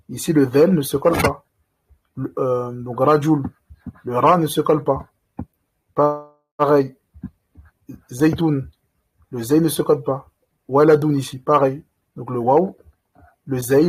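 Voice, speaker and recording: A man gives a recorded reading lesson in a slightly raised, husky voice. He works through each point patiently, step by step. He stretches out the vowels slowly to show how each word should be said. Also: on the high side. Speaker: Arabic reading teacher.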